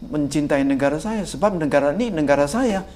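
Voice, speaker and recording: An older man appears as a guest expert on political communication in a podcast interview, speaking a little fast in a fairly high voice, with slight hiss or hum. He's emphatic and animated, often addressing the host respectfully and frequently using "Pak."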